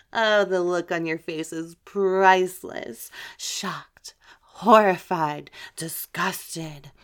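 Domineering female demon , played by a woman, mid-pitched and unhurried, mocking with low chuckles. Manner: slow, mocking, with frequent soft laughs. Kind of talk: amateur audio roleplay.

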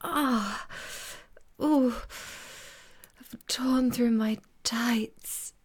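A young woman performing an intimate roleplay monologue, talking softly with sighs and frequent whispers close to the microphone. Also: on the high side, very slow, husky. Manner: soft, sighing, often whispered.

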